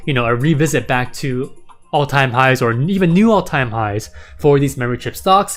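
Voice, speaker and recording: A man with a fairly high-pitched, raspy, sore voice hosts a stock market livestream, chatting casually. He rambles, repeating words and often ending with "right?" or "okay?".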